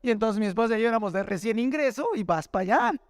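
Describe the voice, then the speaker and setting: A man's voice: sits high, expressive, quick pace, clear, resonant tone, no room sound, studio quality. A man with a Mexican accent, a pastor preaching a sermon through a personal testimony, talking in a conversational storytelling way and often addressing listeners as brother. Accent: Mexican Spanish.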